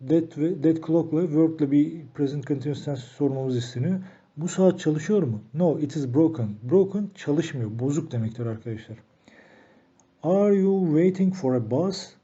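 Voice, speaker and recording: A man teaching an English grammar lesson, slowing down to read each example sentence aloud. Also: on the high side, dark tone, slightly rough. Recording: dull lo-fi recording.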